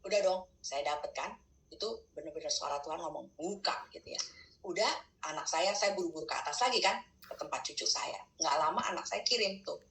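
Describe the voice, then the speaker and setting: An older woman telling a personal faith story, lively and excited in places and hushed in others. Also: low voice, roomy sound, poor audio. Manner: animated, gets excited and fast when retelling, quiet and hushed at reflective moments. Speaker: speaker sharing a testimony.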